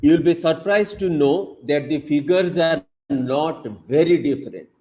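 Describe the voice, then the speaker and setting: A slightly high-voiced man with an Indian English accent lectures over a video call. He presses his points hard, repeating himself, and leans on plenty of "uh" and "you know" along the way. His first language is Odia. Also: unhurried, dark tone, poor audio. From Odisha, India. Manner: emphatic, repeats himself, many fillers. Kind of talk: online lecture.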